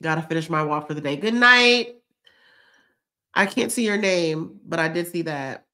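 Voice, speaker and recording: A woman's voice: on the low side, lively intonation, moderate pace, sharp tone. A woman, chatting casually and emotionally to viewers on a live stream while reading their comments. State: teary. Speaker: vlogger hosting a live stream.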